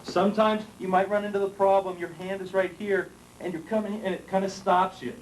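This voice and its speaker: A man, a martial arts instructor, calmly explaining moves step by step while he demonstrates them, heard from a worn VHS tape copy. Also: high-pitched, fairly quick. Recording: faint hiss, roomy, voice from far off the camera mic on old tape.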